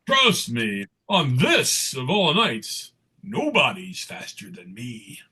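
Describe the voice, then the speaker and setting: A man playing a jolly, take-charge Santa Claus in a live comic book read, theatrical and raspy. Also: mid-range voice, huge pitch swings, takes it slowly, sharp tone, full character voice. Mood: commanding. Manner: theatrical, declamatory. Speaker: performer in a dramatic comic book table read.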